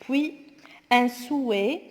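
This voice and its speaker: A woman teacher going through homework exercises aloud, slowly and deliberately spelling words out. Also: fairly high pitch, a little mellow. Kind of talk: spoken homework correction lesson. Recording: long echoing reverb.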